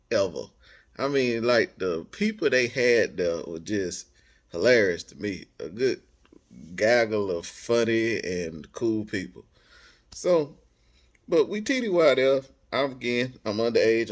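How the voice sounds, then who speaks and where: This American man has a voice on the low side and tells a story from his own life in a relaxed way. He uses lively, slangy language and performs bits of the conversation as he goes.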